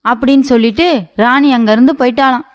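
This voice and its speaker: A woman's voice: sits high, steady tone, fast. A woman narrating a cartoon story in a folksy storytelling manner.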